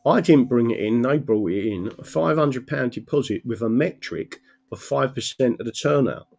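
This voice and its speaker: A man's voice: mid-range voice, animated, normal speed, gravelly, darkish tone. A man talking off the cuff to his viewers as a livestream host, rambling and emphatic, often checking he is followed with a tagged question.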